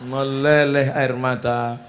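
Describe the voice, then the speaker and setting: A male preacher who delivers an animated, dramatic sermon, joking and acting out voices as he goes. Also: mid-range voice, slow, a little hiss or hum.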